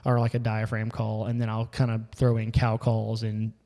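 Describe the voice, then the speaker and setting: A man co-hosting a casual chat, telling a hunting story in an excited, rambling way with lots of fillers. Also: on the low side, moderate pace, gravelly, long reverb tail.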